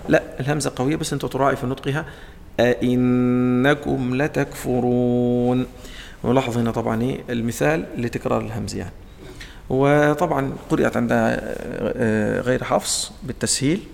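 A man with a creaky, mid-range voice and an Egyptian Arabic accent teaches Quran recitation in a large hall, with a little hiss or hum in the audio. In colloquial speech he poses questions, answers them, and acts out the sounds.

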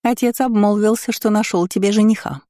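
A woman voicing a spiteful young woman who sneers and mocks in a shrill, high voice. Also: fairly even intonation, fairly quick, dark tone, no room sound, studio quality, lightly acted. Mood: gloating.

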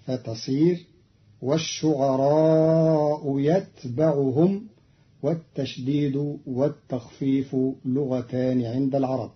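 A man from Egypt speaks slowly and deliberately, explaining Quranic reading variants and chanting short verse quotes. His voice sits a little high for a man. The sound is dull and muffled, like an old radio broadcast. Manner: measured and deliberate, slowing and chanting when quoting verses.

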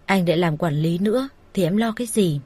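Here a woman speaks a little fast, her fairly low voice mellow with a breathy edge, as she voices an older brother talking his younger sister into something. He comes across as a smooth-talking manager, coaxing and persuasive in a plain everyday way.

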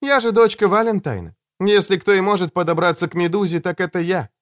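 Brief: a man doing a teenage girl in an audiobook, raised high and soft, pleading, dry studio sound. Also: animated, brisk, no room sound. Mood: determined. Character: teenage girl, brave, anxious, determined. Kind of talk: audiobook character voice.

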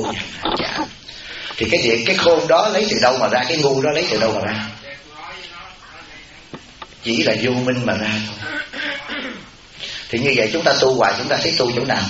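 A Buddhist monk giving a sermon in a temple hall, telling humorous stories and putting questions to the audience. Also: male voice, medium pitch. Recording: echoey hall, muffled, audience noise.

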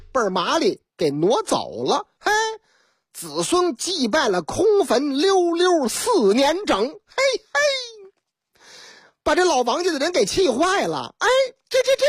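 A woman's voice: sits high, no echo, studio quality. A woman radio host with a Beijing accent, telling comic stories in a chatty, teasing way. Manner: chatty, teasing, lively asides. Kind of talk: Beijing-dialect comic storytelling.

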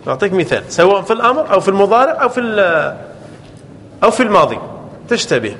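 A man teaching an Arabic grammar class, slowly drawing out example words and often checking that the students follow. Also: high-pitched, big pitch swings, a bit bright. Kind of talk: classroom lesson. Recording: echoey hall with faint ambient noise.

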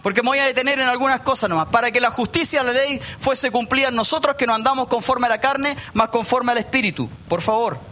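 A middle-aged Chilean pastor with a Chilean Spanish accent delivers a sermon in a church meeting hall. His voice sits very high for a man and rings bright and sharp. He preaches conversationally and keeps turning to the congregation with asides. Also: quick pace, hardly any pauses, slight background noise.

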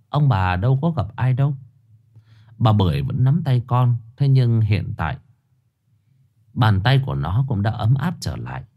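A man narrating a ghost story in a low, hushed, expressive storytelling voice. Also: highs cut off.

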